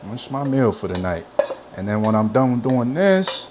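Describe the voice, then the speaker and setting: A man with a mid-range voice vlogs from his home kitchen, loose and chatty. He draws out phrases for emphasis as he talks through his meal. Frying, stirring and kitchen noise come through clearly behind him. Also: mid-range voice, very animated. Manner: laid-back and chatty, drawn-out emphatic phrases. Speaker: vlogger cooking at home. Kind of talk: casual cooking vlog chat. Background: frying and stirring sounds.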